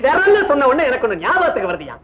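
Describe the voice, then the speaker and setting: A man's voice: very high voice, wildly swooping pitch, fast talker, exaggerated voice. An actor playing a bumbling, chatty male doctor in an old film comedy. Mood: joking. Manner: chatty, rambling, comic. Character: bumbling comic male doctor who rambles jokes. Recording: dull old film soundtrack.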